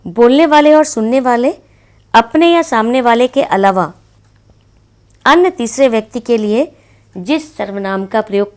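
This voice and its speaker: Speaking in a somewhat high, darkish voice, a woman teaches children grammar in a classroom style. She explains patiently and leans on many repeated examples.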